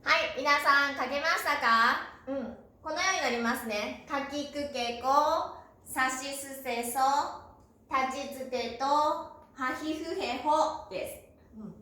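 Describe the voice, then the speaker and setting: A woman's voice: high voice, takes it slowly, sharp tone. A woman teaching a beginner Japanese lesson, patiently spelling out each syllable and affirming with small "un" sounds. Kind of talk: slow, clear classroom lesson. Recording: very echoey room.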